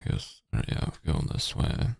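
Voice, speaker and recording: A man streaming a game, reading its story text aloud and adding halting, muttered casual commentary. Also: darkish tone, dry recording, clean studio sound. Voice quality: very deep, gravelly, husky.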